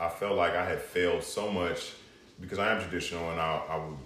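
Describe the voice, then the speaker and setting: Low-voiced rambling man in an echoey room. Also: steady tone, brisk, a bit bright, slight background noise. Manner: rambling, full of "you know" and "like". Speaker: podcast co-host. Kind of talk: casual chat.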